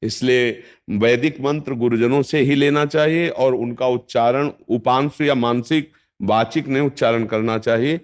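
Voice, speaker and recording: A man's voice: medium pitch, steady tone, a little slow, few pauses. Older man giving firm spiritual instruction. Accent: North Indian Hindi. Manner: firm, instructive, emphatic repetition. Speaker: spiritual teacher answering a devotee. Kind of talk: devotional satsang discourse.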